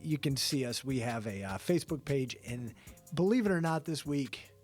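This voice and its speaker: A man's voice: mid-range voice, expressive, moderate pace, faint music behind. An American man chatting casually as a podcast co-host. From Flint area, Michigan, United States. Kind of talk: casual chat. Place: bunker, indoors.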